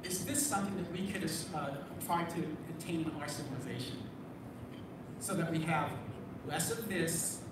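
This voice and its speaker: A man's voice: a little high, normal speed. A man delivers a keynote in a loose, conversational way, now and then checking in with the audience. He sounds far from the mic in a big echoey conference hall. A heavy noise floor hangs under the voice. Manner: conversational, asks the audience "okay?". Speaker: keynote speaker.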